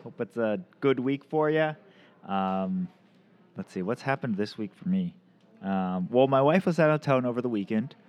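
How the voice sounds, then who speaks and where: A man's voice: medium pitch, expressive, moderate pace, a little mellow. A man in his thirties hosting a podcast in a casual, chatty way, rambling with lots of ums and restarts. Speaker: podcast host.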